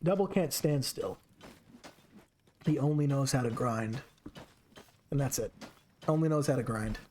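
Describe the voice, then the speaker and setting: A man gives casual, chatty commentary over his gameplay at an average pitch. He talks straight to his characters as he plays. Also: measured pace, dark tone, a little hiss or hum. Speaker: streamer.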